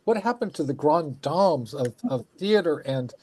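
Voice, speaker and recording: Mellow, effusive man hosting a chat show. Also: fairly high pitch, animated, a little slow, breathy edge, dry recording. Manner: effusive, rambling, repeats phrases. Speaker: show host. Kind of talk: casual chat.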